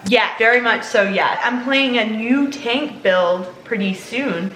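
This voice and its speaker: A woman's voice: fairly high pitch, measured pace, reverberant, music in the background. A young woman with a New Zealand accent, chatting casually and giggling as she answers questions about her reef aquarium at home. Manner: chatty, giggly, lots of fillers. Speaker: reef aquarium channel host. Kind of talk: casual Q&A chat.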